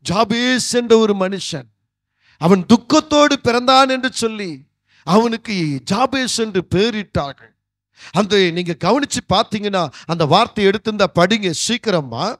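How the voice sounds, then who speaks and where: A middle-aged male pastor, preaching a sermon and rising fervently into loud prayer. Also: sits high, animated, moderate pace, no room sound, clean studio sound. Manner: fervent, climbing loud when praying.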